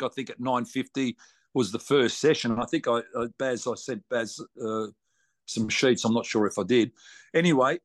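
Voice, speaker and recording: A man's voice: mid-range voice, dry recording. An Australian man chatting casually as a racing driver being interviewed, blunt and joking, with plenty of slang. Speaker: racing driver, podcast guest.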